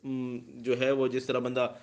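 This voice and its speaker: Man, Quran reading teacher, chanting syllables three times, quick explanations, mid-pitched voice. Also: monotone, lo-fi sound. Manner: chants each syllable slowly and drawn out, then explains quickly; repeats each sound three times for the learner. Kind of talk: recitation lesson, spoken explanation.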